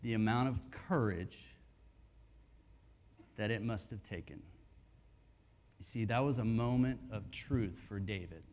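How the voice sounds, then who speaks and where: Pausing often, a man with a fairly low voice preaches at a measured pace to a men's conference in a church hall. His sermon is emphatic, ranging from hushed to almost shouting.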